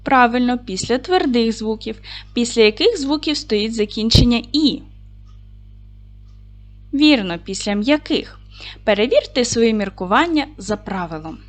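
A woman teaching a recorded video lesson to fourth graders, speaking clearly and deliberately and reciting short rhymes. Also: fairly high pitch, lively intonation. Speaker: primary school teacher.

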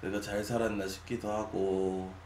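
A man of twenty-nine chatting casually with his stream viewers, musing with long sighs and drifting between loud and quiet. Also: lowish voice, little pitch movement, normal speed. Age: 20s. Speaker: live streamer. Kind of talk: casual late-night chat with viewers. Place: small room at a desk. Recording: echoey room, faint hum.

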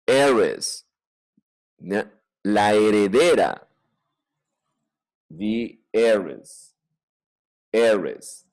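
Peruvian guy teaching english to kids, lots of pitch swings, talks slow, repeats words over and over. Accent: Peruvian Spanish. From Peru. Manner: lively, drilling pronunciation with repetition. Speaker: primary school English teacher. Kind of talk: online class teaching.

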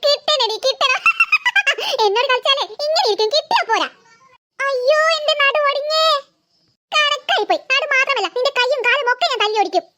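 A woman's voice: extremely high pitch, animated, fairly quick, noisy background. A woman voicing two little cartoon sisters who bicker and tattle. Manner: whiny, quarrelsome bickering.

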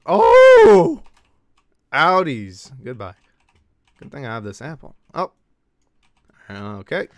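A male Twitch streamer giving excitable live gameplay commentary, swearing and yelping as he banters with his chat. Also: medium pitch, a little slow, long pauses, no room sound.

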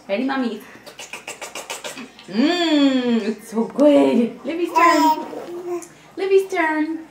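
A woman's voice: sits high, expressive, drawn-out words, long pauses, slight background noise. A woman talking coaxing, sing-song baby talk to her infant in a casual home video. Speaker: mother feeding her baby. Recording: roomy echo.

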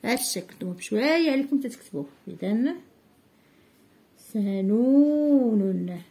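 This is a woman with a Moroccan Arabic accent giving a handwriting lesson to small children. Her voice sits a little high. She is patient and slowly draws out each syllable so the children can repeat after her. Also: lively intonation, warm tone. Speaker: primary school teacher.

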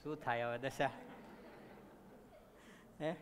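A man's voice: mid-range voice, slow, slight background noise. A man with a Gujarati accent telling a story in a sermon as a katha preacher, acting out the characters and asking his listeners questions. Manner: animated storyteller, acts out characters, asks the audience questions. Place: temple assembly hall. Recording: long reverb of a temple hall.

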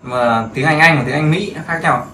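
A man's voice: fairly high pitch, moderate pace. A man teaching beginners in a casual, chatty way, repeating himself and often checking that his students follow. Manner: chatty, repeats phrases, seeks agreement. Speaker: English teacher. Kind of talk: casual screen-share lesson. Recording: echoey room with faint background noise.

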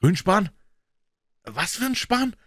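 A man's voice: big pitch swings, takes it slowly, fairly bright tone, dry recording, studio quality, full character voice. A man doing Huck Finn, a frightened raised boy's voice. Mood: awed. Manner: whispered, frightened, raised pitch. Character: scared superstitious boy, ragged and awed.

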